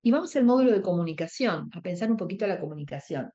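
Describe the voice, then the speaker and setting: She's a workshop instructor with a Rioplatense Spanish accent, talking fast and animatedly in a lowish, warm voice about emotional first aid. She walks through it step by step, voices quoted dialogue, and checks in with listeners for agreement. The recording is muffled.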